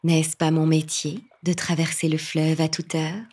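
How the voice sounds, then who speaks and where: A woman's voice: low voice, flat delivery, measured pace, darkish tone, husky, far from the mic. A woman voicing a fearful young peasant boatwoman who pleads in a trembling, whispery voice. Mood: pleading.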